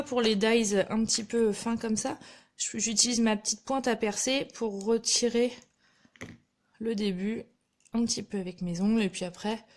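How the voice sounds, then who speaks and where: A woman giving a live craft tutorial, chatting directly to her viewers and often apologizing for small slips. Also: mid-range voice. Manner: self-deprecating, apologizes often. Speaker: craft demonstrator.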